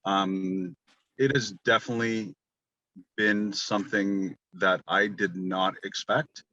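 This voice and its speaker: Deep-voiced earnest man, lo-fi line. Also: steady tone, slow, pushed and bright. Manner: earnest, with frequent ums. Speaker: NFT community guest. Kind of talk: casual group voice chat. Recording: dull lo-fi line.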